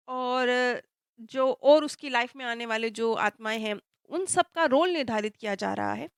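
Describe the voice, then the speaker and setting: A woman narrating a past-life story in a calm, explanatory way, with slow, reflective pauses. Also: sits high, clean tone, no room sound, clean studio sound. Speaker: spiritual storyteller.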